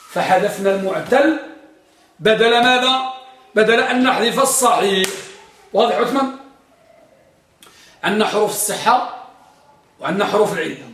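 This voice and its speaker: Guy teaching grammar in class, high voice, keeps quizzing students and drawing out examples, sounds far off. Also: a bit bright. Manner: quizzes students, repeats examples slowly with emphasis. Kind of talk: classroom lesson. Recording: echoey room from far off.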